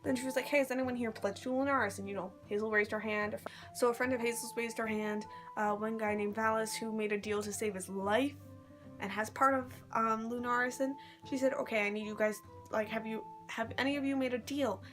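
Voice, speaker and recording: A woman's voice: a little high, steady tone, fairly quick, a bit bright, faint music behind. A woman chatting casually to her phone at arm's length, telling stories in a rambling, slangy way as a vlogger. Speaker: vlogger recounting a live-action role-play event. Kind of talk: casual chat.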